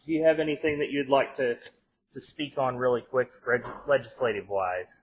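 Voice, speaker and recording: A man acting as convention emcee, quickly and offhandedly bringing up the next speaker. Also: medium pitch, lively intonation, rough recording.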